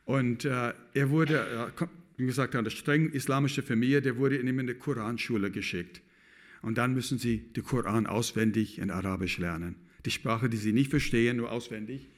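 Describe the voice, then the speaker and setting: A middle-aged pastor preaching a sermon, talking with loose, broken grammar and turning to the congregation with questions. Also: male voice, mid-range voice, normal speed. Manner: lively, addresses the congregation with questions.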